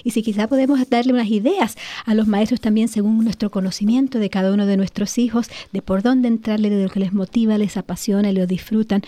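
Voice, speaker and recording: A woman's voice: mid-range voice, dark tone, no echo. A woman hosting a radio talk show, encouraging her guests and welcoming callers. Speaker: radio show host, doctor.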